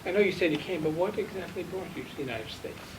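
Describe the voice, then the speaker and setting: A woman interviewer asks short questions and encourages her guests with brief backchannels. Her voice sits on the low side. She is heard from away from the microphone, with noise in the background. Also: expressive, fast talker. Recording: distant mic with clear noise.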